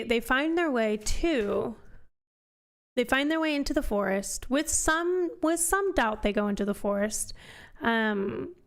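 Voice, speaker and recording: A woman's voice: fairly high pitch, clean tone. A woman hosting a book club live stream, chatting casually and rambling as she answers questions from chat. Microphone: headphones on, desk mic.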